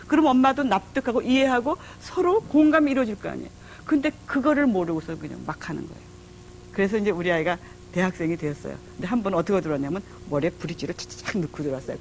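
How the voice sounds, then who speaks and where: A middle-aged woman giving a public lecture on marriage and parenting, telling stories with lively acted-out dialogue. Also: on the low side, slight background noise. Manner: lively storytelling, acting out dialogue.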